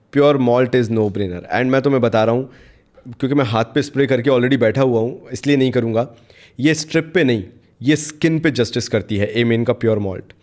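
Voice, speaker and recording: Casting: man, mid-pitched, easygoing reviewer, code-switches Hindi and English, animated. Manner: chatty Hindi-English code-mixing, animated, addresses viewer directly. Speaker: fragrance reviewer. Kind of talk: casual chat.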